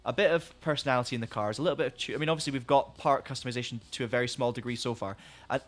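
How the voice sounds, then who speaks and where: This streamer talks at a racing clip in a mid-range voice with a fairly bright tone. Friendly and rambling, he keeps restarting his sentences as he reads viewer comments aloud, complaining that his voice is going.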